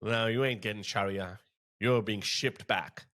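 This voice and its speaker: A man's voice: fairly low pitch, fairly even intonation, measured pace, very noisy. A man giving blunt, opinionated commentary while reacting to a video clip. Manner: blunt, scornful.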